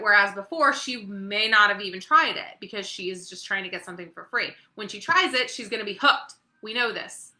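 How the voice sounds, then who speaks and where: A woman's voice: mid-range voice, sharp tone, echoey room. A woman leading a webinar training for her sales team, upbeat and chatty, often checking in with "okay?" and "right?". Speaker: network marketing team leader.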